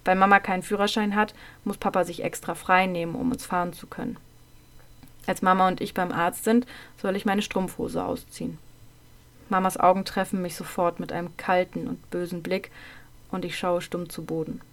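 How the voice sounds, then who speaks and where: Woman telling her childhood story, calm and measured, trails off quiet at line ends. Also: on the low side. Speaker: narrator. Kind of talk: first-person storytelling of a childhood memoir.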